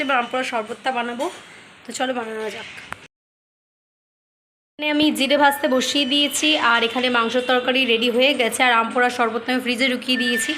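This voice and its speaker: Hoarse young woman vlogging from a busy kitchen. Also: high-pitched. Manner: chatty, showing things around the house. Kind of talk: casual vlog chat to camera. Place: busy home kitchen, indoors. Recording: echoey room with loud household noise.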